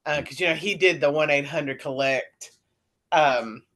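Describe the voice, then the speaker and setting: A woman on a podcast panel, chatting casually in an animated, mocking way with quick asides. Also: deep voice. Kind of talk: casual chat.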